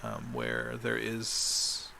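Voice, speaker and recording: A man running a tabletop game as game master, recapping the last session in a halting way, full of ums and uhs. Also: medium pitch, monotone, vocal fry, bright, forceful tone, slight background noise.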